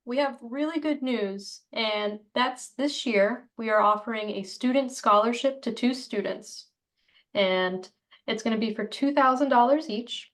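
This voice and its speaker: A woman's voice: fairly high pitch, unhurried, fairly bright tone. A woman, a regional chair, making an upbeat, encouraging announcement.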